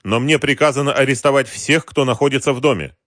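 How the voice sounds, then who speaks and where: A man voicing a calm, courteous male special forces commander with clipped military speech. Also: medium pitch, fast, dry recording, studio quality, voice pushed up, lightly acted.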